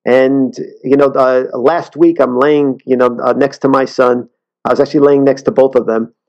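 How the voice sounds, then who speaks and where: A man talking as an interview guest, earnest and halting, often restarting his sentences. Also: medium pitch, fairly even intonation, darkish tone, lo-fi sound. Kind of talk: casual interview talk.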